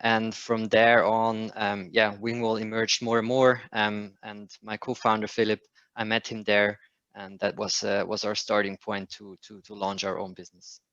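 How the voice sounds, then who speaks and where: A man's voice: lowish voice, flat delivery, normal speed, a bit bright, dry recording. Hesitant man, dull dry sound. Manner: hesitant, many "um" fillers and restarts. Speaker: startup co-founder. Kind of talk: panel talk.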